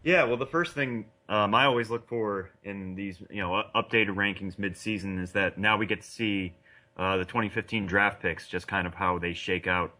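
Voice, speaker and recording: A man's voice: on the low side, normal speed, bright, forceful tone. A man co-hosting a sports podcast, giving casual analysis in an easygoing, slightly hesitant explanatory way. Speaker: podcast co-host and baseball analyst.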